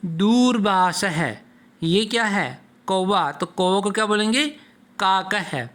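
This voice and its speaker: Slow and patient, he leads a Sanskrit lesson for children, posing questions and supplying the answers himself. His voice sits high and sounds sharp.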